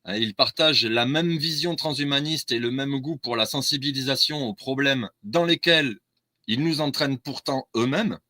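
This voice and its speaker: Give me an earnest man explaining at length, with a tense bright voice. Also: medium pitch, moderate pace, dry recording. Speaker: guest. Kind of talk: casual discussion.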